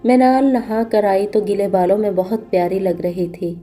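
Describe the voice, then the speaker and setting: Dark-voiced woman narrating a story. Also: medium pitch, faint music behind.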